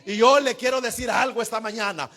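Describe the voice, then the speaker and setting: A pastor preaches in a very high voice. His fervent sermon rises into sudden shouts, then drops to hushed asides. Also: steady tone, brisk.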